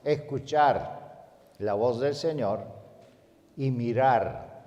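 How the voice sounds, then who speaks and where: A male pastor preaching a sermon as a story, swinging from loud emphasis down to a hush. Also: medium pitch, drawn-out words, in a large hall, muffled recording. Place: large hall at a church congress.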